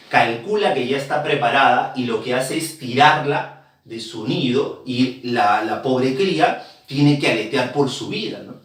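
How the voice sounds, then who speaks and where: A man's voice: medium pitch, fairly bright tone. Echoey male teacher lecturing from afar. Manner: explanatory, full of rhetorical check-ins. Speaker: psychology teacher. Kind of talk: classroom lecture. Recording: very echoey room, distant mic.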